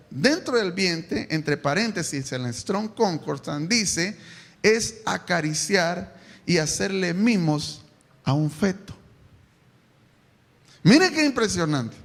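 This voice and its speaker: A man preaching a sermon to his congregation, animated, asking them questions and bursting into shouts. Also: high-pitched. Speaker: pastor. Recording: echoey church hall, live stream.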